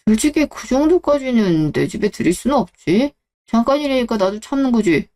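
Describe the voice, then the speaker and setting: A woman's voice: on the high side, expressive, brisk, dark tone, natural voice. A woman voicing a callous, selfish middle-aged husband who talks scornfully and dismissively. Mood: contemptuous. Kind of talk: Korean audio drama reading.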